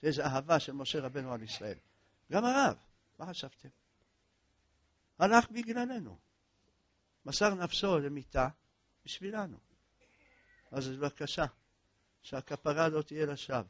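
High-pitched male preacher delivering a eulogy sermon, fervent, dry muffled sound. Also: animated, long pauses, dry recording. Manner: impassioned, swinging between cries and hushed tones. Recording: dull lo-fi recording.

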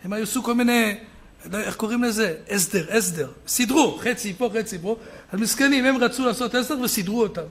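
A man preaching a sermon as a rabbi, telling stories and building up to loud shouted peaks. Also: sits high.

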